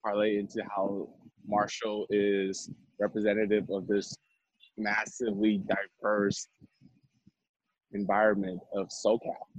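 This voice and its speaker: In a rough recording with no room sound, a young MBA student from Vietnam chats as a guest in a casual interview, restarting often and using many fillers. His voice sits on the low side, slightly rough, unhurried and completely flat, with frequent pauses.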